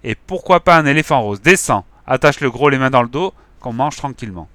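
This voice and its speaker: A man's voice: medium pitch, expressive, brisk, fairly bright tone, no echo, close to an everyday voice. A man playing a menacing gang leader. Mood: irritable. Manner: gruff and threatening. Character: menacing, nervous male gang leader with a squint.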